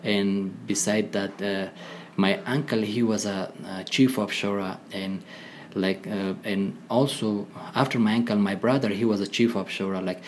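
A man with an Afghan accent, a former commando speaking as a podcast guest in halting English full of pauses and restarts. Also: fairly low pitch, fairly even intonation, a little hiss or hum. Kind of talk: conversational interview.

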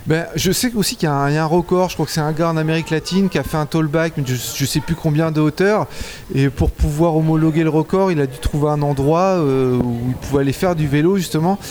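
A man's voice: a little high, quick pace, darkish tone. A man hosting a casual festival interview, chatting and asking questions. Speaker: interviewer, host.

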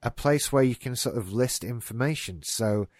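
In clean, dry studio sound, a male podcast host chats casually about gaming news at a normal pace. His mid-range voice is a little mellow, and he rambles, swears now and then, and sounds slightly congested from an oncoming stuffy nose.

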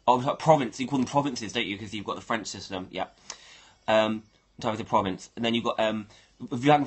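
A man's voice: mid-range voice, fairly bright tone, husky. A man hosting a casual livestream, rambling and thinking aloud as he talks to his viewers. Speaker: livestream host.

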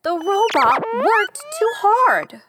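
A woman voicing a tired, overworked robot in a children's story, speaking slowly and stiffly. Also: very high-pitched, sing-song, very noisy, pitched above the performer's own voice, heavily acted. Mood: weary.

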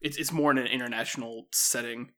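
Talking fast in a medium register, this male podcast host keeps his movie-review chat loose and easygoing, laughing often and leaning on plenty of fillers.

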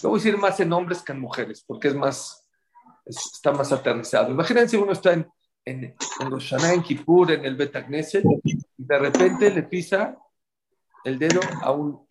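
A man giving a storytelling sermon, animated and addressing his audience directly. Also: fairly high pitch, moderate pace, rough recording. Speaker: religious speaker.

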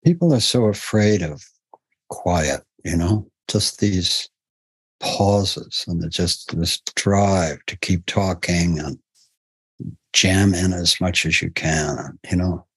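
A man with a low, husky voice hosts a contemplative interview. He speaks slowly and gently, pausing often. The recording is dry and close. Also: dry recording, low-quality recording. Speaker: host.

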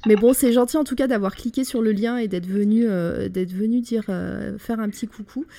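A woman's voice: medium pitch, a little fast, creaky, dark tone. Give me a woman hosting casual live chat. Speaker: host of an online radio show.

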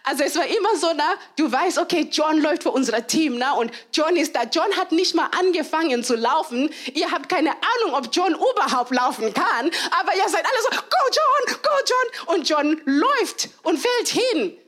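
A woman preaching a sermon, lively and given to laughter, acting out cheers and quoted voices and slowing down hard on key phrases. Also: sits high. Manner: slows down for emphasis on key phrases.

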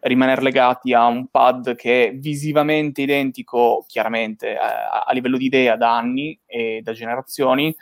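A man's voice: mid-range voice, fairly even intonation, normal speed, few pauses, no room sound. A man giving his opinions casually in a gaming talk, in a rambling way with frequent checking tags, speaking into a close microphone. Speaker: panelist on a video game talk show.

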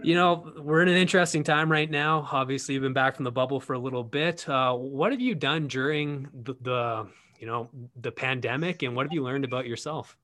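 A man's voice: mid-range voice, a little fast, hardly any pauses. A man hosting a podcast with scripted, announcer-like delivery. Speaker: podcast host. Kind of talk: scripted news narration and interview hosting. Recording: loud music bed under voice.

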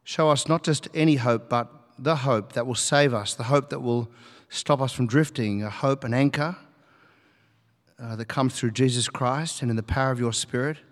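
A male preacher leading a prayer and opening his sermon in a deliberate, prayerful manner. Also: medium pitch. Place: church. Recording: long reverb of a church.

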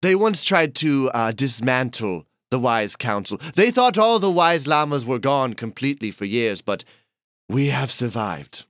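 A man's voice: mid-range voice, lively intonation, measured pace, a bit bright, no room sound, clean studio sound. A man voicing a pompous noble male llama lord with an affected posh accent, guest-hosting a comedy podcast. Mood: lofty. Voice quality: affected posh British-ish put-on accent, grandiose. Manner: pompous, rambling, theatrical. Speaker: guest host. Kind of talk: improvised comedy podcast character.

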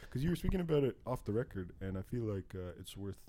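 Lively, laughing podcast host man. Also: fairly low pitch, quick pace, noisy background. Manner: laughing, animated, swears casually. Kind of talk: casual podcast chat.

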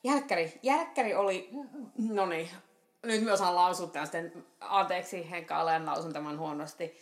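A woman co-host in casual conversation, recorded with a roomy echo. She chats freely and hesitates often. She corrects herself and trails off into quiet asides. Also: fairly low pitch. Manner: chatty, hesitant, self-correcting, drops to asides. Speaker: podcast co-host. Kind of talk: casual chat reviewing a restaurant meal.

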